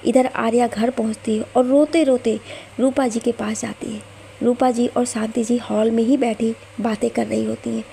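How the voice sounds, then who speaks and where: A woman narrating an emotional family story in a steady, expressive reading. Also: fairly high pitch, moderate pace, creaky, a little hiss or hum.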